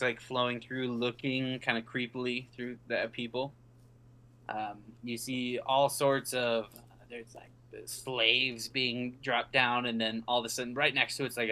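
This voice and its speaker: A man's voice: mid-range voice, bright, forceful tone. A man narrating as game master, describing scenes in a rambling way with many fillers.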